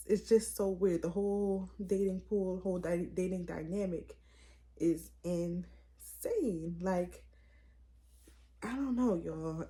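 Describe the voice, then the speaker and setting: Lowish mellow-voiced young woman venting to her camera, lots of "like". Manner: animated, opinionated, lots of "like" and "it's like". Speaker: vlogger host. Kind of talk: casual chat to camera.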